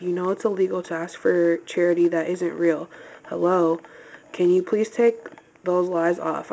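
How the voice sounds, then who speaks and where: A woman tells a story by reading text messages aloud, one after another, in a matter-of-fact way, pausing now and then to clear her throat. Her voice sits low and carries a steady vocal fry. She keeps an even, flat delivery throughout. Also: lo-fi sound.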